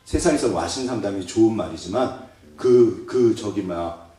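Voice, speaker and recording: A man's voice: on the low side, moderate pace, dark tone. A male pastor preaching a sermon, asking the congregation questions and acting out prayers and quotes. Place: church sanctuary. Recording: very echoey church hall, mic far off.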